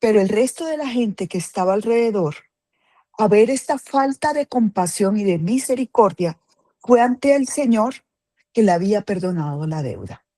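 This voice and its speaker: A woman's voice: mid-range voice, expressive, moderate pace, warm tone, no echo. Emphatic woman teaching a Bible class. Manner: emphatic, questions the listeners and repeats key phrases.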